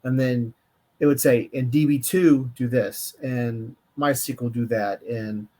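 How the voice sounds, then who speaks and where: A man's voice: medium pitch, fairly even intonation, measured pace, dark tone. A man co-hosting a live-streamed data podcast, tired and yawning, talking in a rambling way with many fillers and restarts. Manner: rambling, self-correcting, lots of fillers. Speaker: podcast co-host, data engineer. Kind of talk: casual live-stream chat.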